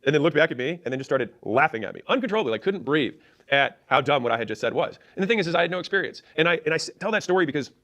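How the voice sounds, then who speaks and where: A man telling his own story in an animated, chatty way, with quick self-mocking asides. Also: on the high side.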